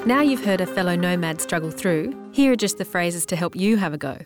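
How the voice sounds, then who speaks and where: A woman's voice: lowish voice, expressive, fairly quick. Upbeat female announcer over music. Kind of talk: scripted promo voice-over.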